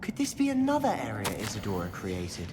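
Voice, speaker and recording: A man's voice: lowish voice, huge pitch swings, a little fast, background noise. An actor voicing a young male wizard student who talks earnestly while exploring ruins. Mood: curious. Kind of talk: video game dialogue. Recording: reverberant game audio with music.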